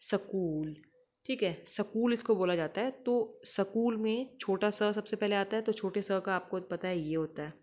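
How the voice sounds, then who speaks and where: A woman's voice: medium pitch, a little mellow. Patient woman teaching phonetic symbols. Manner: patient, repeats example words slowly. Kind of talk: explaining English phonetic symbols to students.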